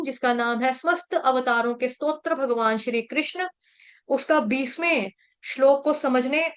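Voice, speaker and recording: A woman with a high, light voice leads an online scripture class. She takes the verses apart syllable by syllable, correcting pronunciation patiently. Then she chants each line slowly for the group to repeat. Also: clear, resonant tone.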